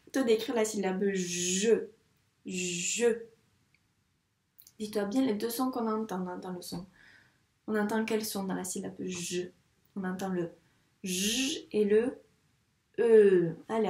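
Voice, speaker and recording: A woman teaching first grade, running a dictation lesson for young children and saying syllables slowly and clearly. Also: mid-range voice, warm tone. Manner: slow, clearly articulated syllables. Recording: echoey room.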